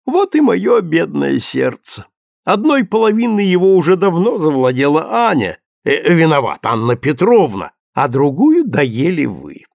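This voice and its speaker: A man's voice: fairly high pitch, very animated, measured pace, vocal fry, no room sound, clean studio sound, pitched above the performer's own voice, exaggerated voice. A man reading the part of a witty young man who jokes and teases. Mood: teasing. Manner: joking, ironic.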